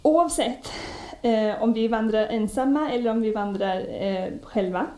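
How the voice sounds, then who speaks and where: Female preacher, conversational sermon with hesitations, mellow tone, roomy echo. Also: fairly high pitch. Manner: warm conversational storytelling with frequent hesitations. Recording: echoey room.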